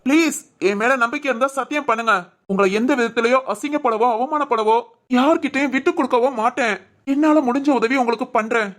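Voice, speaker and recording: In a dubbed cartoon drama, a woman voices a gentle young husband, pleading and reassuring earnestly. Her natural voice is fairly high and quick-paced.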